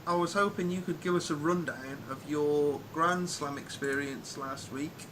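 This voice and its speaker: A man's voice: on the high side, moderate pace, noisy background. A man hosting a casual live chat, rambling with plenty of ums and restarts. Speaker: podcast host.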